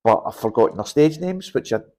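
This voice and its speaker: A Scottish man hosting a casual podcast chat, speaking haltingly and often repeating words as he goes. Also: mid-range voice, lively intonation, mellow. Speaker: podcast host, show promoter.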